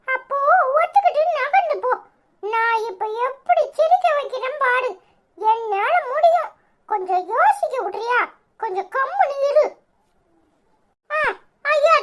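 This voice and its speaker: Casting: someone playing a cheeky cartoon grandson, Tirunelveli accent, very high, unhurried. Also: fairly bright tone, heavily acted. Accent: Tirunelveli Tamil. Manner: teasing, mischievous. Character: cheeky young grandson, playful and teasing. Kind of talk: cartoon voice acting.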